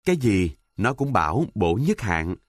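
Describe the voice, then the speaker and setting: A man narrating a story in a calm, measured, descriptive reading. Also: fairly low pitch, no echo, clean studio sound.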